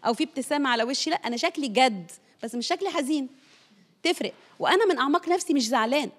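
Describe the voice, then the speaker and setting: A woman's voice: high voice, animated, rapid-fire. A woman with an Egyptian Arabic accent giving an earnest, explanatory parenting talk, repeating her points for emphasis. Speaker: parenting speaker. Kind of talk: conversational teaching talk.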